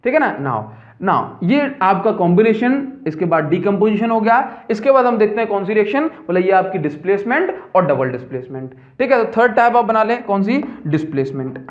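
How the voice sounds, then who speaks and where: A man's voice: high-pitched, expressive, brisk. A man teaching a school science lesson, chatty and coaxing students with repeated questions. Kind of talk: classroom lesson. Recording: echoey room, dull lo-fi sound.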